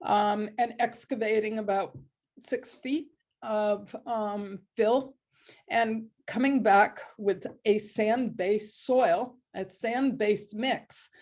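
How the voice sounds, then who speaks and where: A woman giving a presentation on a park's design, hoarse and coughing, speaking deliberately with frequent pauses. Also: medium pitch, darkish tone. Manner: slow and deliberate, with many ums. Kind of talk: online presentation.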